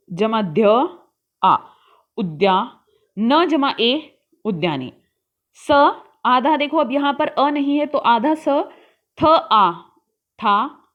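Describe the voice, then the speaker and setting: A woman teacher walks through a lesson slowly and carefully, reading each word aloud and then explaining it in Hindi and English. Her voice sits a little high and rises and falls in a lively way. The recording is dull and lo-fi. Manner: sounds out letters slowly. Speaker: Sanskrit teacher. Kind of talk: slow explanatory online lesson.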